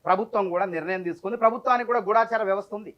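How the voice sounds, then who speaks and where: Rapid high-voiced man. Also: dull audio. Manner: tells a folk parable at length, talks over interruptions. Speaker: political party spokesman in a debate. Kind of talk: heated televised debate.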